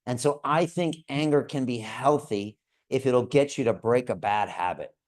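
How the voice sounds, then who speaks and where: A man's voice: mid-range voice, normal speed. Earnest man giving a pep talk. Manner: earnest, repeats "right?" to listeners. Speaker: show host. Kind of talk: motivational livestream talk to viewers.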